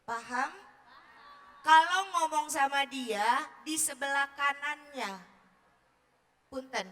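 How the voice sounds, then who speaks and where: Addressing parents and teachers in a seminar hall, a woman who specializes in early-childhood education delivers a lively talk in a bright, high voice. She jokes, chats, and poses questions to the audience.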